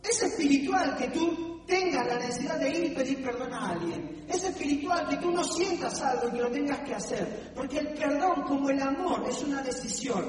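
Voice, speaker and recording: A male pastor delivers an animated sermon, slipping into the voices of the people he quotes. His voice sits high and carries a long, booming reverb, picked up from well back in the room over a faint hum. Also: moderate pace. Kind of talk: sermon with humor. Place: church hall. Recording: echoey hall from far off.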